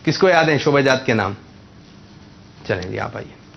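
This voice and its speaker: A man's voice: medium pitch, lively intonation, creaky, a little hiss or hum. Patient male quiz host, slightly muffled. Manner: patient, corrects and repeats answers slowly. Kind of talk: hosting a religious quiz with children.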